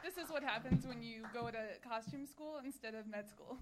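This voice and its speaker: A woman fan in the audience at a live show, talking quickly and laughing. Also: a little high. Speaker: audience member, fan who made a gift. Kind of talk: casual exchange at a live show. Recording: crowd noise at live venue.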